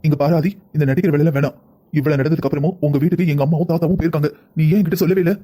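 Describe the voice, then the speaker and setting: A man voicing family-drama cartoon characters with a quick, scolding delivery. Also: on the high side, fairly even intonation, mellow. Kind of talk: Tamil cartoon voice acting.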